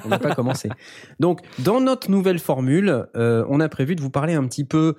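A man's voice: on the high side, expressive, brisk, a little mellow. A man hosting a casual podcast chat, joking about himself between frequent hesitations. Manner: jokey, self-mocking, hesitant with many fillers. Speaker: podcast host.

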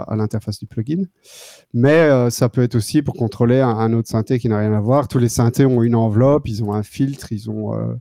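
A man's voice: medium pitch, mellow, dry recording. A man from southern Belgium, a guest on a live stream, talking casually with lots of fillers and restarts. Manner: hesitant, many fillers and restarts. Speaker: guest, synth controller maker.

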